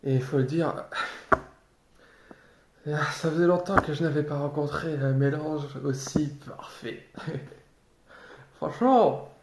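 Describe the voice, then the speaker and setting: A man improvising a theatrical tirade in a sardonic, mock-polite way, halting and repeating his words. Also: a little high. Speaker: amateur actor improvising a monologue. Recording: roomy echo, clearly noisy background, clicks.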